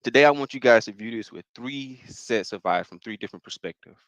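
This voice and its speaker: A man's voice: mid-range voice, brisk, a bit bright, no room sound, rough recording. Dry-sounding young man presenting. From Mississippi, United States. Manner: casual, encouraging, repeats phrases. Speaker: financial workshop presenter. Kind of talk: live-streamed financial workshop talk.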